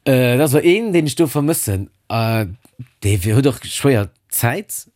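A man being interviewed in a relaxed chat, talking hesitantly with frequent filler sounds and restarts. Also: mid-range voice, unhurried, dry recording, clean studio sound. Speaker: podcast guest.

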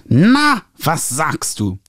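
Ein Mann macht einen quengelig näselnden Verleger, sehr lebhaft in der Melodie, klingt ganz nah und trocken. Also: male voice, on the high side, wildly swooping pitch, a bit bright, no echo, clean studio sound, voice pushed up, heavily acted. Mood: gushing. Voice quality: nasal. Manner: gushing, fussy, drawn-out. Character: overeager nasal male book publisher.

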